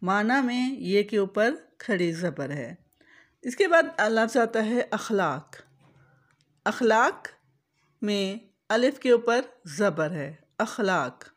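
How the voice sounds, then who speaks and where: Slow, deliberate teacher woman. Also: mid-range voice, big pitch swings. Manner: spells out vowel marks letter by letter, repeats words. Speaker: Urdu pronunciation teacher. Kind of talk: slow, deliberate instructional explanation.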